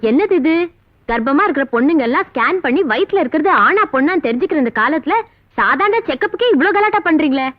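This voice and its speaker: A woman's voice: high-pitched, animated, fast, dry recording. An actress playing a firm, coaxing lady doctor in a comic film, heard on a tinny, dry soundtrack.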